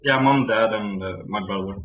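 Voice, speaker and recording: Soft-spoken young Swedish man, muffled sound. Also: normal speed. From Sweden. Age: young adult. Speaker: guest. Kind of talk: casual interview. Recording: muffled low-fidelity audio.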